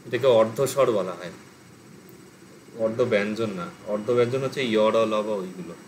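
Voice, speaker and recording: A man's voice: on the low side, brisk, darkish tone, slight background noise, rough recording. Man teaching an online class. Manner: explanatory, thinks aloud with fillers. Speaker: Pali teacher.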